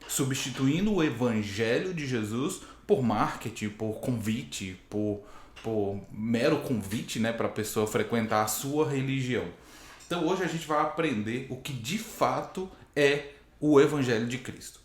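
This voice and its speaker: A hoarse man teaching from the Bible to camera, explaining patiently and rephrasing his points with frequent "né?". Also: mid-range voice, measured pace. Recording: very echoey room.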